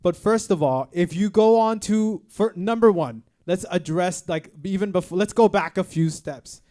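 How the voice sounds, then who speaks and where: A man's voice: sits high, normal speed, mellow. Chatty young male podcast host. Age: 20s. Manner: upbeat, chatty, uses filler "like". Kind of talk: casual chat.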